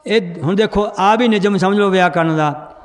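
A man's voice: high-pitched, moderate pace, long reverb tail. A man teaching a group how to read and understand scripture, quizzing the class and then answering himself. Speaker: Gurbani grammar teacher.

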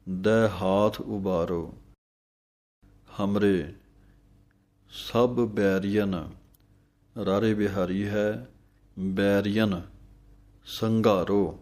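Slow-speaking, low-voiced man teaching recitation. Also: a little mellow. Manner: recites verses slowly and drawn out, then explains pronunciation plainly. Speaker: teacher of correct scripture recitation. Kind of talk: slow, careful recitation lesson.

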